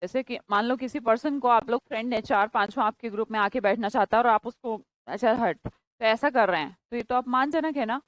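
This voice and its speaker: A woman teaching English vocabulary to a class in Hindi mixed with English words, stretching key words slowly and scolding students by name. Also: fairly high pitch, dry recording, rough recording. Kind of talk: classroom lesson.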